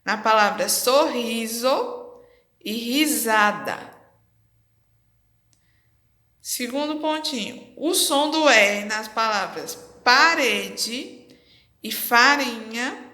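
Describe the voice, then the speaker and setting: A woman teacher talks pupils through a workbook exercise at a slow, careful pace. Her voice is bright and a little high. It rings in an echoey room. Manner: slow, repeats instructions to pupils. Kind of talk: classroom lesson walkthrough.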